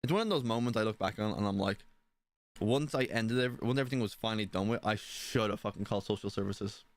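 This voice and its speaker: A man's voice: fairly low pitch, fast, dry recording. Young man, casual storytelling, rambling, swears a lot, dry close sound. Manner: rambling, repeats "you know what I mean", swears freely. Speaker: stream participant.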